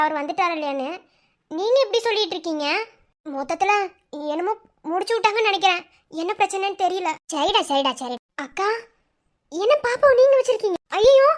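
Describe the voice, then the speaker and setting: A woman doing a squeaky fretful young wife. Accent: Madurai Tamil. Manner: worried, fretting questions. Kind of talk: cartoon voice acting.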